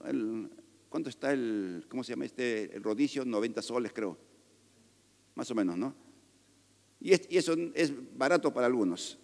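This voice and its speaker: Emphatic pastor in a reverberant church. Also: male voice, mid-range voice, darkish tone. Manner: emphatic and conversational, with joking asides to the congregation. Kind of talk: sermon. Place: church sanctuary.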